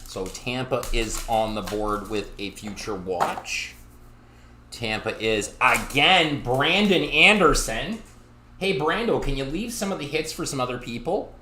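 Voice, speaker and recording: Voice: medium pitch, lively intonation, measured pace, pushed and bright, slight background noise. A card break host, chatting through a live box break and teasing viewers by name from a card shop. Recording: roomy echo.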